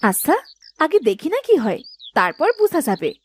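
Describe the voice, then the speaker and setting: Woman doing a nagging village wife, sarcastic, swooping lively voice, a bit high, cartoon. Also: moderate pace, a little hiss or hum. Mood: excited. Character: sharp-tongued, grumbling poor village wife. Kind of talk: cartoon voice acting.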